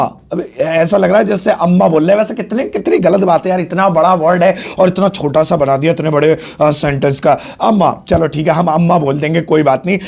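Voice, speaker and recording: A man teaching spoken English in Hindi, joking between points and slowing down to spell out the example sentences. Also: a little high, creaky, a little mellow.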